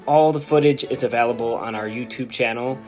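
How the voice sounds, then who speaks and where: A male host opens a music festival program in a friendly, steady way, slipping in an occasional um. His pitch is middle, and soft instrumental music plays faintly behind him. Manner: friendly, measured presentation with a few ums. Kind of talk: scripted introduction.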